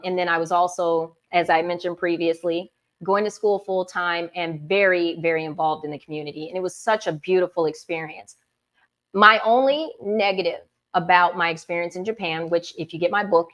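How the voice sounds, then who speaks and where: A woman from the United States, a former military broadcast journalist, telling her life story as a guest on a live panel show and acting out the things people said to her. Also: medium pitch. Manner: animated storyteller who acts out quoted remarks.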